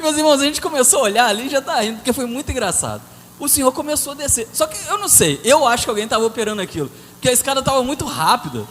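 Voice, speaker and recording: A man with a very high voice preaches in a church hall, swinging between loud bursts and quiet asides as he tells a story. His voice rings with long reverb. Faint hiss sits under the recording. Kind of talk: sermon with a story.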